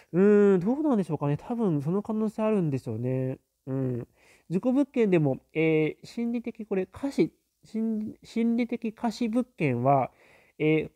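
A man's voice: fairly high pitch, mellow. A man in a casual live stream, reading viewer comments aloud and musing on them, with many fillers and murmured acknowledgements.

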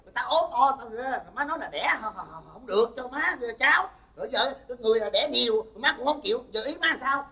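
A performer playing an exasperated adult son in a comedy sketch, who teases and argues with his mother, using quick comebacks in a Southern Vietnamese accent. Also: mid-range voice, fairly bright tone, close to an everyday voice. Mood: arguing. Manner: teasing, arguing, quick comebacks.

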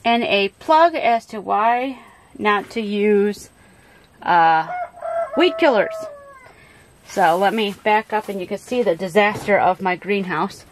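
A middle-aged homestead gardener gives a casual tour of her backyard garden and greenhouse, filming on a handheld phone outdoors. Her middle-pitched voice moves slowly as she explains each plant in a relaxed way, with lots of ums and uhs, against a noisy background.

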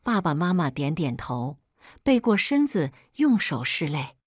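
A woman narrating a first-person drama story in a steady, emotive scripted read. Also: sits low, measured pace, husky, no room sound, studio quality.

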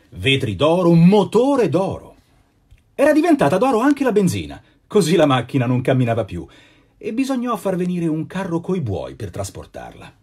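Male actor, storybook reader: theatrical and playful, husky tone, highish voice. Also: darkish tone. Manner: theatrical, playful, chatty asides. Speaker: actor and voice actor reading children's stories. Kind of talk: live storybook reading.

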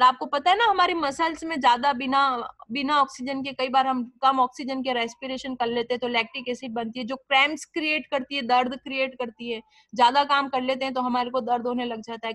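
In a dry recording, a young woman gives a biology lecture in Hindi sprinkled with English terms. Her high-sitting voice has a fairly bright tone as she walks through each step and answers the questions she raises.

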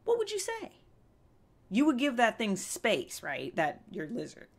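With a slightly high, creaky voice and huge pitch swings, she speaks unhurriedly. She's a woman in her thirties hosting a vlog from a small room with a fabric backdrop, offering a candid self-help talk to camera that's earnest, conversational and emphatic, often pausing to check in with the listener.

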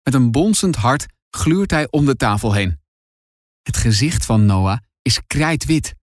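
Lively, expressive male narrator. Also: medium pitch, measured pace, no echo, clean studio sound. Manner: dramatic, expressive. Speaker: audiobook narrator. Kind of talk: scripted narration.

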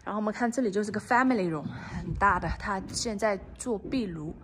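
Moving fairly quickly in a mid-range voice, a woman real estate agent chats through a casual walkthrough of an unfinished house, recorded on a handheld phone camera. English terms pepper her talk, she sometimes drops to a near-whisper, and there's a little hiss or hum.

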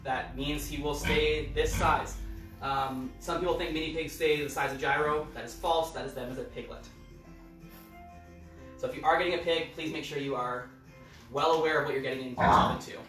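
A man's voice: fairly high pitch, fairly even intonation, normal speed, a bit bright, roomy sound, soft background music. A man hosting a children's storytime as a drag queen, chatting casually and playfully with viewers. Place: living room at home, indoors.

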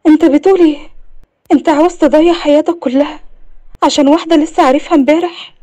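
A woman voicing a shy, sweet 20-year-old bride with an Egyptian accent in an animated story. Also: sits high, fast talker, lightly acted. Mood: alarmed. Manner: shy, pleading, excited.

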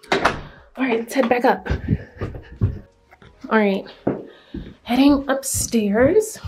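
Young woman vlogger, 20s, slightly high voice, casual and chatty, a bit out of breath, faint music bed. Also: a little mellow. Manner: chatty, upbeat, talking to viewers. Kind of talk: casual home tour vlog. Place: empty house, indoors.

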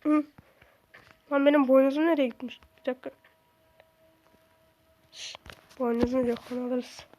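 A young woman with a high-pitched voice talks through a video game in casual commentary. She gets excitable, swears at the game and shrieks when things go wrong. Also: normal speed, pauses often, lo-fi sound. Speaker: gaming streamer.

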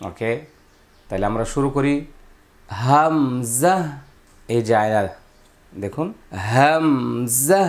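A teacher giving a recorded beginner lesson on reading the Quran, drilling each sound with call-and-repeat. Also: medium pitch. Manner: stretches and stresses each syllable.

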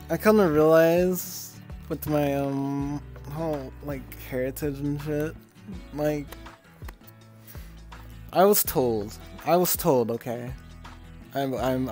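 Slow, halting streamer with Italian lilt. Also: male voice, mid-range voice, darkish tone. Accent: put-on light Italian lilt. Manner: halting, repeats words and restarts. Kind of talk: casual chat to viewers. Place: virtual-world livestream at home.

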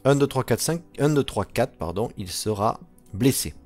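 A man's voice: medium pitch, animated, normal speed, darkish tone, faint music behind. A man commenting on a solo board game playthrough, counting moves aloud and muttering asides.

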